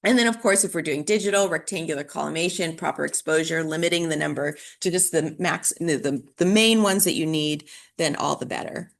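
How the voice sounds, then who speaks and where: Woman instructor, somewhat low voice, chatty lecture delivery, lots of "um" and restarts. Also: fairly quick, gravelly. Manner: conversational, with frequent fillers and restarts. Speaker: dental hygiene instructor. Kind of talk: recorded classroom lecture.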